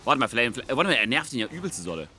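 A young man co-streaming an esports match, excitable and joking, who often breaks into shouts. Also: medium pitch, rapid-fire, noisy background. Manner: loud, joking, shouts and laughs during plays.

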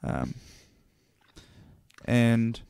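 A man's voice: medium pitch, sing-song, drawn-out words, a little mellow, smooth, no echo, studio quality. A man co-hosting a podcast, chatting casually and hesitantly in a small room on a desk mic. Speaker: podcast co-host. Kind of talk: casual chat. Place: small room around a table. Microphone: desk mic on a boom.

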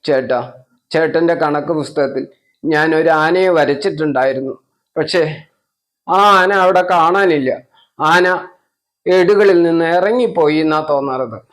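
A man's voice: high voice, unhurried, voice pushed up. A man doing a whiny tearful little boy. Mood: tearful, stubborn. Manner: whiny, insistent, tearful pleading. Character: small crying stubborn boy.

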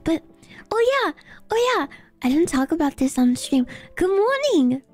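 A woman's voice: extremely high pitch, sing-song, a little slow, darkish tone, soft background music. A woman livestreamer chatting casually with her viewers in a giggly, playful manner.

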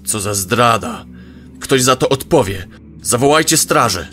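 A man's voice: on the low side, lively intonation, moderate pace, faint music behind, pitched above the performer's own voice, natural voice. Panicky old court chancellor for an audio drama, whiny and fussy; a male narrator doing the voice. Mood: frantic.

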